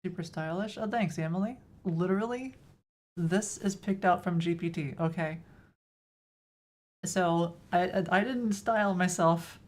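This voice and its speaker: Unhurried and lowish in voice, the streamer codes while chatting with viewers, responding to questions and making self-deprecating remarks. She comes from Texas and speaks with that accent in a darkish tone.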